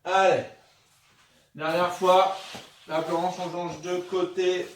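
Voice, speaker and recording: Heard from a distance in an echoey room with music playing, a male fitness instructor leads a live class. His voice sits high for a man as he counts down the reps and calls out breathing cues. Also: flat delivery, slow pace. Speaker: fitness coach leading a home workout class. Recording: roomy, distant mic with music. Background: workout music.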